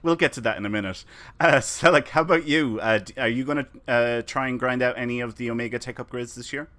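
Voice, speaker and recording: A man's voice: medium pitch, fast, sharp tone. A man hosting a podcast who asks his co-hosts questions in a hesitant way, full of ums and uhs. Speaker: podcast host asking questions. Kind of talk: casual interview chat.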